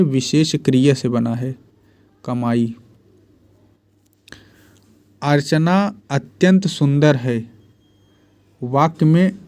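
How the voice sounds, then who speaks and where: A man with a fairly high, warm voice gives an exam-prep lesson on Hindi spelling and grammar. He repeats every word and answers his own questions.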